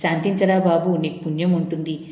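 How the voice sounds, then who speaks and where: Female narrator doing an old mother, anxious and pleading, mellow voice, echoey room. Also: sits low, little pitch movement, brisk, pitched below the performer's own voice, close to an everyday voice. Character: worried old mother pleading with her son. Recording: echoey room with long reverb.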